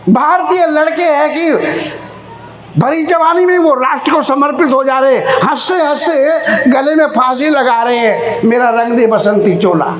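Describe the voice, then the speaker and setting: A preacher telling a parable in a sermon at an ashram gathering, animated and acting out the dialogue. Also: high voice. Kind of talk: sermon storytelling. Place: ashram hall at a religious gathering. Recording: echoey hall.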